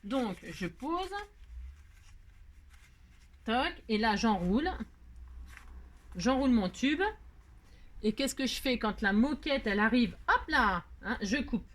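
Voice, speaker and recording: A woman's voice: a little high, animated, slow pace, long pauses. A middle-aged woman hosting a crafting tutorial, chatting, rambling and joking at herself as she works. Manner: rambling, self-mocking, talks to herself while working.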